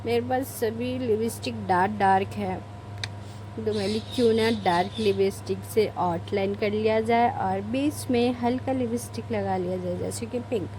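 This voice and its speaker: A woman's voice: mid-range voice, normal speed, noisy background. A young woman vlogging at home, chatting her way through getting ready and often correcting herself mid-sentence. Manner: rambling, self-correcting, homely. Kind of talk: chatty get-ready-with-me narration. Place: home bedroom. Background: child crying and shouting.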